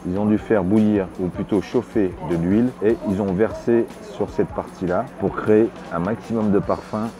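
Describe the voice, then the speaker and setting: A middle-aged man hosting a food vlog, giving measured, descriptive tasting remarks in a casual way. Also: low-pitched. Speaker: food vlogger host. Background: background music.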